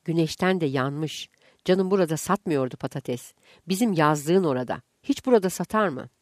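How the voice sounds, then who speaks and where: A woman voicing a boastful older gentleman who speaks emphatically, in a dry recording. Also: low-pitched, expressive, moderate pace, dry recording.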